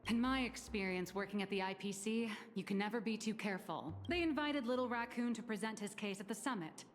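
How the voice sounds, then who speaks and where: A woman's voice: medium pitch, fairly quick, soft background music, close to an everyday voice. An actress playing a shrewd, confident businesswoman in a game, calculating and dry.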